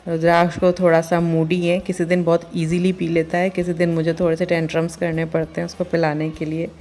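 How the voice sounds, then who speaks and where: A woman, a mother of two, narrating her daily routine in a chatty, homely vlog with many filler pauses. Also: fairly low pitch, completely flat delivery, a little mellow, a little hiss or hum.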